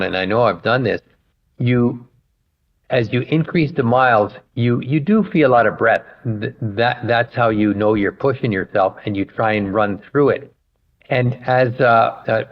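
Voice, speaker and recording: A retired pediatric pulmonologist, an older man, answers interview questions as a guest, explaining patiently and thinking aloud as he goes. His voice is fairly low, and the recording sounds muffled.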